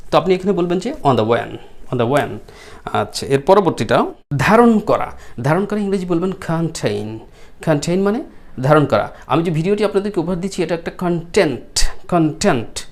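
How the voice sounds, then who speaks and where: A man's voice: on the high side, lively intonation, normal speed, darkish tone. A man with a Bengali accent teaching English vocabulary, who spells words letter by letter and repeats them, then asks the class questions and answers them himself. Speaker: English tutor. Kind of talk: vocabulary lesson. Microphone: writes on a screen while teaching.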